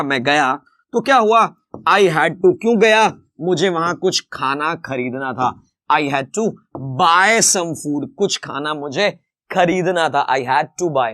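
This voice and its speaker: A man teaching English grammar in a lively, chatty way, reading each example sentence slowly and then explaining it. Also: sits high, dry recording, studio quality. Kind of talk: grammar lesson explained in Hindi.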